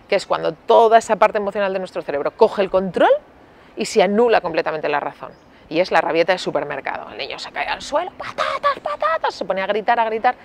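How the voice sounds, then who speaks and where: A woman pediatrician explaining parenting in an interview, lively and acting out parent and child exchanges, often checking in with "¿vale?". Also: mid-range voice. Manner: lively, acts out parent and child dialogue in storytelling; uses many filler tags like "¿vale?".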